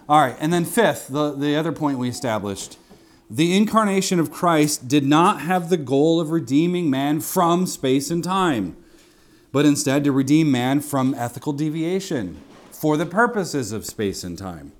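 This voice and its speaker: Emphatic male preacher teaching scripture. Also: mid-range voice. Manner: emphatic, repeats key phrases; didactic, with rhetorical questions and asides to listeners. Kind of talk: expository sermon with history teaching.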